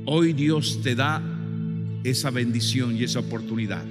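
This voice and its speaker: A male preacher delivering a fervent sermon, pushing into shouted call-and-response and then dropping to low, earnest appeals. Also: moderate pace. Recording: long hall reverb with faint music.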